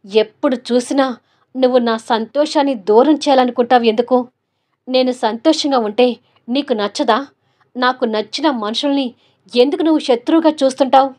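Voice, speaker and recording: A woman voicing a hot-tempered young man who shouts furiously at his mother. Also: fairly high pitch, steady tone, moderate pace, close to an everyday voice. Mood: angry. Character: angry young husband, hot-tempered son.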